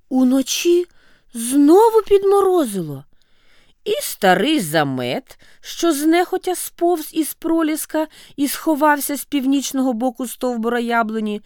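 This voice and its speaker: A woman narrating a storybook tale in an expressive way, with sweeping pitch. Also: no echo, clean studio sound. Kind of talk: storybook reading.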